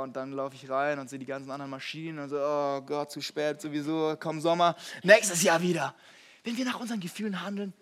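A young man preaching a sermon to a congregation, animated, swinging from hushed whispers to loud shouting. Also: on the high side. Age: young adult. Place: church hall before a congregation.

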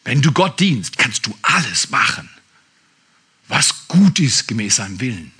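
A male pastor preaching a sermon in a conversational way, asking his listeners direct questions and swinging between emphatic outbursts and quiet asides. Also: medium pitch, very animated, measured pace, slightly rough.

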